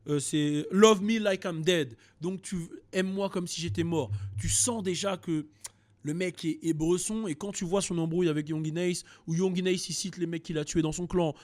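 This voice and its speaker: A young man from France talks through rap news in a loose, animated way. His voice sits high, and he fills gaps with hesitations and quick restarts. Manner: animated, frequent fillers and restarts. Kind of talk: casual commentary video.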